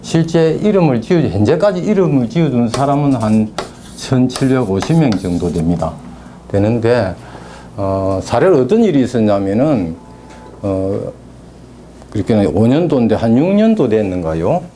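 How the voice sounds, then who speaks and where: A man's voice: medium pitch, sing-song, moderate pace, noisy background. A middle-aged man with a Gyeongsang Korean accent, telling stories from his work as a naming consultant in casual talk. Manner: storytelling with rambling asides.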